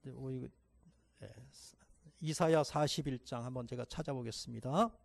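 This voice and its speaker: A man preaching a sermon as pastor, reading scripture aloud with slow emphasis and leading the congregation in reading together, with quiet asides between passages. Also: medium pitch, gravelly.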